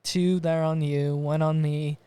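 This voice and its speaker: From a garage studio, the Romanian host chats casually in an unhurried, flat, fairly high voice that is dark yet clean, in a dry recording. He rambles, restarts often, and laughs a lot.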